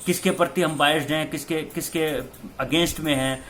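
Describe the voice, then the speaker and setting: A man's voice: on the high side, steady tone, normal speed, fairly bright tone, slight background noise. A male teacher talking students through multiple-choice answers, repeating key terms and slipping in English phrases. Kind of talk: exam-question lecture.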